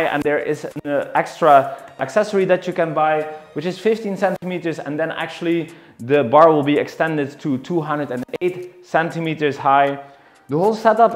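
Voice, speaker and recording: A young man in his twenties giving a detailed, explanatory product review of home gym equipment, recorded indoors on a camera mic at mid distance. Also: fairly high pitch. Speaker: fitness reviewer. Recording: echoey room with faint music.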